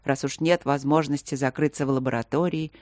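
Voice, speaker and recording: A woman narrating a fantasy audiobook in measured, expressive storytelling. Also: very deep voice, no echo, clean studio sound. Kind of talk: scripted narration.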